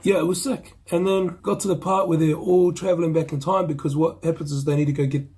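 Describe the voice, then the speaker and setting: A man's voice: a little high, little pitch movement, quick pace, a little mellow, husky. A man with a New Zealand accent, chatting casually and slangily about a film he reviewed. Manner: laid-back, slangy, rambling with restarts. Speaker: movie reviewer. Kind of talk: casual chat.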